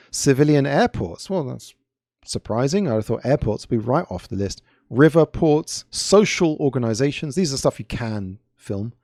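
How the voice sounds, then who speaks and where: A man's voice: mid-range voice, a little mellow, no room sound, studio quality. A man hosting a camera show, talking casually and wandering into chuckling asides as he reads through a list. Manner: chatty, digressive, chuckling asides. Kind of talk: casual chat.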